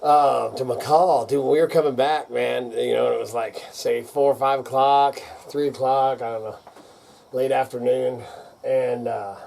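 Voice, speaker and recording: A man's voice: medium pitch, fairly even intonation, measured pace, vocal fry, darkish tone. An older man with a rural American accent, ranting off the cuff in a rowdy, folksy redneck way, salty and full of man and dude. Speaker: vlogger. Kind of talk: casual off-the-cuff rant to camera.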